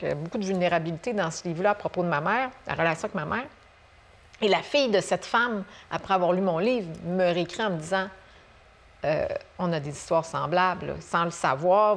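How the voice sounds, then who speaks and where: A woman from Quebec with a Québécois accent, a guest author telling stories in a relaxed chat, full of fillers and restarts. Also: lowish voice. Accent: Québécois French. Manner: animated storyteller, many fillers and restarts. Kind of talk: casual conversation on a talk show.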